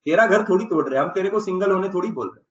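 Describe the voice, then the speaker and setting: A man's voice: high voice, animated, very fast. A man teaching chemistry in speech, acting out electrons as bickering characters with scolding asides. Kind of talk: animated classroom lecture. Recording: echoey room, distant, dull lo-fi sound.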